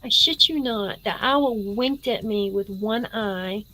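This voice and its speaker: A middle-aged woman hosting a casual spiritual live stream, chatty and excitable, swearing casually and drifting away from the mic at times. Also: a little high, slow, rough recording.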